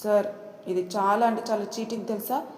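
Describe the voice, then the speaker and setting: A woman's voice: medium pitch, fairly even intonation, fairly quick, roomy sound, a little hiss or hum, natural voice. A woman voicing a playful young female secretary who talks in a teasing, spirited way.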